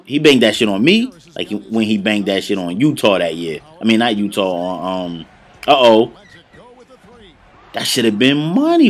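A young man talks over his basketball game in a slightly low voice. His commentary is loose and full of slang. He swings between hype and frustration as the plays unfold. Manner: slangy, excitable, frustrated play-by-play. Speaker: gaming commentator. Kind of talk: casual video game commentary.

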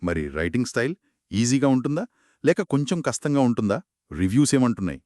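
A man's voice: medium pitch, sing-song, fairly quick, darkish tone, dry recording, clean studio sound. A man co-hosting a book discussion podcast, asking follow-up questions and recapping points. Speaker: podcast co-host.

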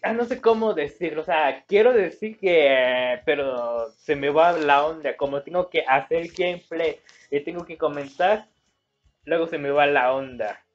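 A man with a Mexican Spanish accent talks his way through a game at an unhurried pace, drifting into asides and hunting for the right word. His voice sits a little high for a man. The sound is dull and lo-fi, as if caught on a phone. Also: soft background music. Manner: rambling, searches for words, reads game words aloud. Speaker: gameplay commentator. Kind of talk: casual gameplay commentary.

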